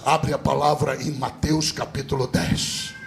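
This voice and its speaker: A male Brazilian Pentecostal pastor preaching, who swings from loud sing-song shouting to low, intimate teaching. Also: level tone, measured pace, vocal fry, crowd noise. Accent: Brazilian Portuguese. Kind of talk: Pentecostal sermon. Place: rooftop church service.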